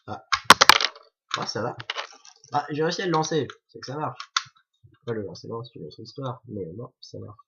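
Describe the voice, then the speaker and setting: A man's voice: mid-range voice, animated, normal speed, gravelly, pauses often, fairly bright tone, slight background noise. A man reviewing a toy set in a chatty, jokey way, correcting himself as he goes. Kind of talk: casual building commentary. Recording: dull lo-fi recording.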